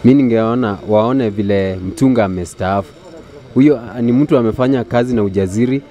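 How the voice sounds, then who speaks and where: A man's voice: mid-range voice, a little fast, warm tone, muffled recording. Blunt Kenyan man in a street interview. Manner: blunt, complaining. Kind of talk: vox pop street interview. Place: outdoors by a brick building. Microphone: handheld furry mic held close.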